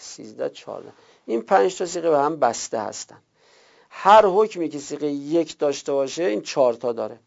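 A man teaching a Quranic Arabic grammar lesson, drilling verb forms slowly one by one. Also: a little high. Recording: gravelly, dull lo-fi recording.

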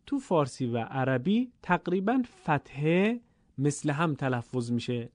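A Persian-accented man, medium-pitched and slightly mellow, leads a Quranic Arabic lesson on vowel lengths in a dry recording. He's patient, stretching every sound and repeating it slowly and with care.

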